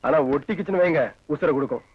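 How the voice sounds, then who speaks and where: An actor playing a simple, kind-hearted village helper with a Kongu Tamil accent, talking deferentially and politely. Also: male voice, fairly high pitch, racing, breathy edge. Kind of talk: film acting. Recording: dull lo-fi film audio.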